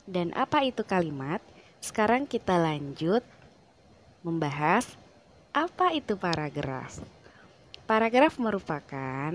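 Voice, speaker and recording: Slow, deliberate woman teaching grammar. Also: lowish voice, slight background noise. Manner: slow, deliberate, stresses words with rising emphasis. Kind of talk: classroom lesson explanation.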